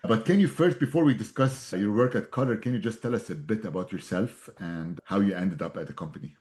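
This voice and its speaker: A man's voice: fairly low pitch, brisk, darkish tone. A man hosting a podcast interview, asking questions in a casual, hesitant way with fillers. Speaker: podcast host.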